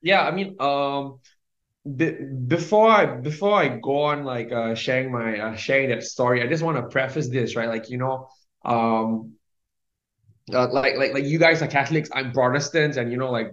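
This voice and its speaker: A man's voice: medium pitch, normal speed, a bit bright. Man, young adult, rambling testimony, many fillers, echoey room, muffled lo-fi sound. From Singapore. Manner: rambling, many fillers and restarts, laughs often. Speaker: guest. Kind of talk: casual testimony. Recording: roomy, dull lo-fi sound.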